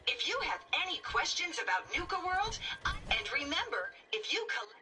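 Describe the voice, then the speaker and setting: A woman's voice: high-pitched, very animated, fairly quick, sharp tone, recorded from a distance, slight background noise, exaggerated voice, poor audio. A woman voicing a cheerful female park guide robot with a machine voice, peppy and salesy. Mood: chirpy. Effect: machine voice of a talking park kiosk robot.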